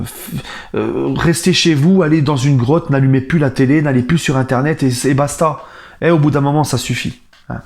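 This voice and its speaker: A man's voice: a little high, darkish tone. A man in his thirties hosting a football fan video, talking casually in a subdued, grieving way that turns into indignant ranting. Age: 30s. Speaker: football fan channel host. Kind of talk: casual vlog monologue.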